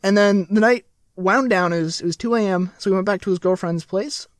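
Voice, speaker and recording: A woman's voice: mid-range voice, fairly quick, dry recording. Rambling young woman, dry close mic. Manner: rambling storyteller, restarts, playful. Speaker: podcast co-host. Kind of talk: casual chat.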